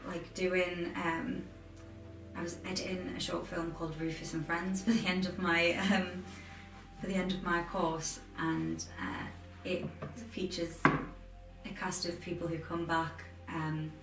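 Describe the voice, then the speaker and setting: Casual interview guest: woman, 20s, Durham accent, slightly low voice, roomy distant recording over clear music. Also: little pitch movement, unhurried. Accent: Durham, north-east English. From Durham, England. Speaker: interview guest, aspiring film and TV editor.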